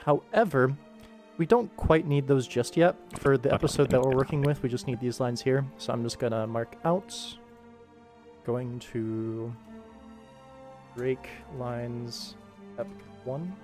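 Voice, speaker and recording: A man with a mid-range, unhurried voice thinks aloud casually on a livestream while working on an animation production. Music plays in the background.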